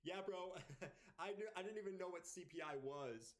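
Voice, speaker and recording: A man's voice: sits high, normal speed. A man doing casual live-stream commentary on crypto trading, rambling, stumbling over repeated words and joking sarcastically about economic news.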